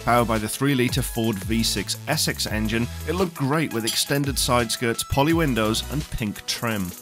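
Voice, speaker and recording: A man's voice: mid-range voice, moderate pace. A man giving a scripted voice-over about cars at a show, enthusiastic and knowledgeable. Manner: enthusiastic, knowledgeable car commentary. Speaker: car show presenter. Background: faint background music.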